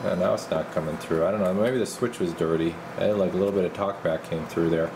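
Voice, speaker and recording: This radio repair technician talks fast in a low, creaky voice with fairly even intonation, muttering informal steps as he demonstrates hands-on work at an indoor electronics bench. Background noise is audible.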